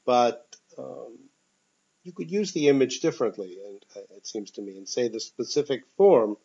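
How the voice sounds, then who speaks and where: A man leads a discussion class through a speakerphone on a phone call. He is thoughtful and hesitant and fills his pauses with ums. His medium-pitched voice sounds dull and lo-fi over the line. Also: gravelly, mellow, breathy edge. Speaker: teacher. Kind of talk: leading a text discussion class.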